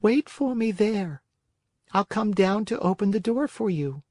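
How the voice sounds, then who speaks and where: A reader voicing a calm, unhurried female snail in a storybook, speaking high and slow in a peaceful way. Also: no room sound. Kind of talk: storybook character voice.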